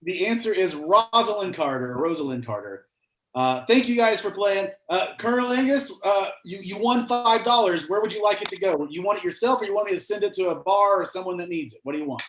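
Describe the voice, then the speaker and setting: Joking trivia host in an echoey room. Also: male voice, high voice, expressive, a little fast. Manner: joking, chatty, reads questions aloud. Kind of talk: casual trivia quiz hosting. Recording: roomy echo.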